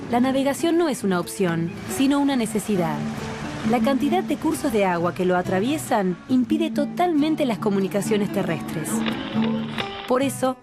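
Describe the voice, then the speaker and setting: A woman narrates a documentary in a calm, measured voice that sits a little high. She explains each point at an even, unhurried pace. Music plays clearly underneath the voice-over.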